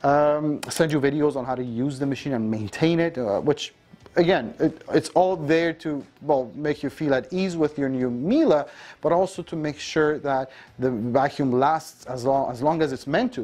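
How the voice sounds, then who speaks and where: A man's voice: medium pitch, moderate pace, darkish tone. Upbeat man demonstrating a vacuum. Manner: upbeat salesy explaining with fillers. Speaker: vacuum store presenter. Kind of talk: product demonstration. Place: dark studio showroom, indoors.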